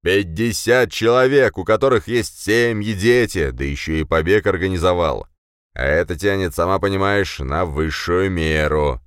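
A man voicing a fat, bossy middle-aged police chief who shouts and blusters. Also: a bass voice, normal speed, smooth, dry recording, studio quality. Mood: blustering, angry.

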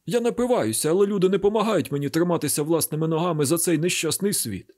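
A man playing a husky, bitter old village father. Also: on the high side, a little mellow. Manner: heated, grieving and reproachful. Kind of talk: audiobook drama reading.

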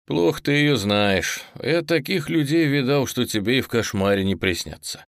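A man voicing a blunt, gruff young man who talks in a curt, hushed way, in an audiobook. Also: medium pitch, animated, normal speed, dry recording, clean studio sound, lightly acted. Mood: bitter.

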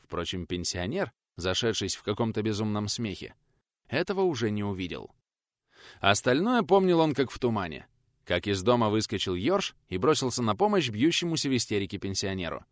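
A male narrator reads an audiobook with an expressive storytelling manner. His pitch moves in a lively, animated way. The recording is close and dry. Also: a little fast, no echo.

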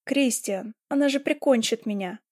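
A woman's voice: a little high, moderate pace, darkish tone, close to an everyday voice. A nervous, pleading young man read by a woman. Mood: anxious. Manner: anxious, pleading.

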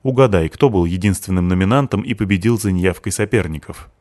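A man's voice: low voice, a little fast, a little mellow, no room sound, studio quality, lightly acted. A man voicing a sarcastic teenage girl. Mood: bitter. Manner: bitter, sarcastic. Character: sullen sharp-tongued teenage girl, seventeen.

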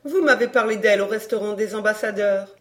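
A woman reading a proud, sharp-tongued young countess, cool and teasing, in an audiobook dialogue. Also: medium pitch, brisk, close to an everyday voice.

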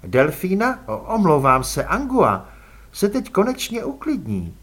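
A man's voice: high voice, wildly swooping pitch, a bit bright, slightly rough, pitched above the performer's own voice, exaggerated voice. A man reading an audiobook and voicing an elegant, aristocratic female vampire who talks coolly and with poise. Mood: cool, poised. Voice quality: cool, poised, drawling. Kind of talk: audiobook character voice.

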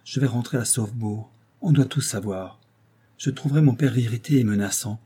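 A man's voice: medium pitch, normal speed, mellow, slightly rough, close to an everyday voice. A man voicing a proud, dutiful young noblewoman in an audiobook, reading her lines in an earnest, declamatory way. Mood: resigned.

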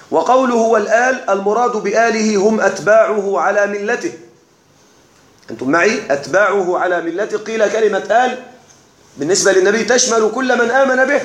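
A man teaching a classical text to a class, slow and deliberate, often checking that his students are following. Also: high-pitched. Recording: echoey room.

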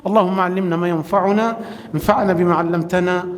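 A man's voice: high-pitched, fairly even intonation, fast talker. A man with an Egyptian accent telling a story in a sermon, with dramatic rhetorical questions. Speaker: preacher. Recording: long hall reverb.

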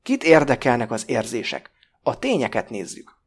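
A man's voice: mid-range voice, natural voice. A man doing a brusque sarcastic interrogator. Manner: curt, mocking, dismissive.

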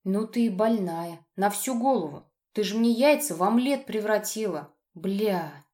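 A woman reading an audiobook, voicing a volatile, threatening young man with a rough way of talking. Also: medium pitch, animated, a little slow, a little mellow, lightly acted. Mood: angry.

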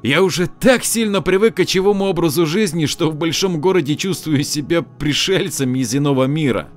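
A man's voice: a little high, a little fast, soft background music, voice pushed up, close to an everyday voice. A man voicing a blunt, determined young officer who speaks plainly. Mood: relieved.

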